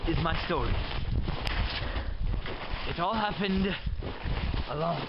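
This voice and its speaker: A man's voice: fairly high pitch, takes it slowly, lo-fi sound. A man playing an earnest amateur detective in a home-made comedy skit, growing impatient with witnesses who ramble. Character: earnest young male amateur detective, easily exasperated. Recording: noisy home camera audio.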